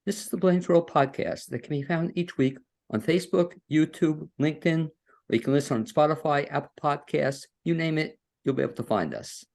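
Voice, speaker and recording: A podcast host interviews guests over a video call from his home studio, his talk folksy and rambling, with fillers and restarts. He has a fairly high-pitched, creaky, darkish voice and a brisk delivery.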